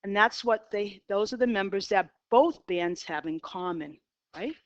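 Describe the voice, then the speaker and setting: A woman's voice: medium pitch, measured pace, no echo, highs cut off. A woman in her fifties with a Boston accent, teaching a college math class in a chatty style, asking students questions and going off on tangents. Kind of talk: classroom lecture.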